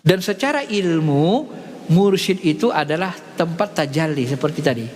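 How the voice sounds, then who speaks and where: Animated male preacher in a reverberant hall. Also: on the high side, normal speed. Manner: animated storytelling, acting out dialogue. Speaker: religious teacher. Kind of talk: sermon teaching.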